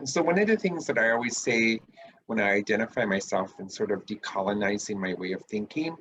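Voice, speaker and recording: A man from northeast South Dakota speaks as a panel guest. His voice is husky and fairly low, and he talks in an earnest, deliberate way. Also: a bit bright, poor audio. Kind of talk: panel discussion.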